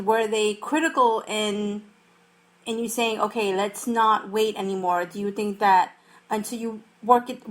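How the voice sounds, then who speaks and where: A woman's voice: fairly high pitch, fairly bright tone. A young woman hosting a podcast, asking long, rambling questions in a scatterbrained, casual way. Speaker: podcast host.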